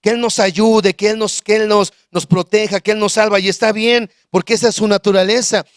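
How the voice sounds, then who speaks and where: A man's voice: high-pitched, fairly even intonation, fairly quick, no room sound, clean studio sound. A man pastor giving a sermon in a conversational style, with frequent restarts and tag questions. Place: church.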